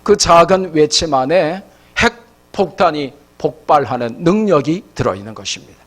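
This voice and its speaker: Emphatic Gyeongsang-accented pastor preaching. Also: male voice, a little high, expressive, normal speed. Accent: Gyeongsang Korean. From South Korea. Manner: emphatic preaching that swells loud when reading scripture aloud. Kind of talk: sermon.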